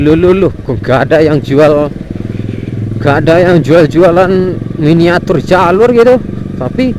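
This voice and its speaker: Slow-talking man muffled inside a helmet. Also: fairly high pitch. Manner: chatty, keeps calling viewers "bro". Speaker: motovlogger. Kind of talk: casual riding commentary. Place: riding a motorcycle outdoors. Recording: loud motorcycle engine and road noise. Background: motorcycle engine and passing traffic.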